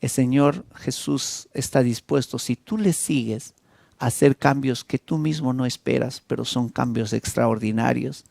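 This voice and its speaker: A man with a Peruvian accent preaching an evangelistic sermon as a pastor, telling the story with dramatic swings between loud and soft. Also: unhurried, creaky, no room sound. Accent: Peruvian Spanish. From Peru. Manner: emotive, dramatic storytelling with wide swings in pitch and loudness.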